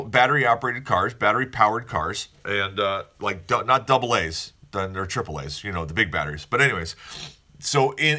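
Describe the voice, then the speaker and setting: A man chats casually as the host of a morning show. His voice is bright and forward, at an everyday middle pitch. He rambles in an upbeat way, restarting sentences and leaning on fillers.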